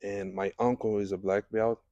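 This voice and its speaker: A man from Brazil, a jiu-jitsu instructor answering interview questions in a podcast studio, speaking haltingly with many restarts and fillers. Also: fairly low pitch, flat delivery, warm tone, no echo, muffled recording.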